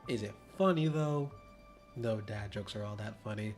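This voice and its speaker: A man's voice: on the low side, moderate pace, a little mellow, faint music behind. Chatty stuffy-nosed male streamer. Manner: rambling, self-mocking, chatty. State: stuffy nose. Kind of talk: casual let's-play commentary.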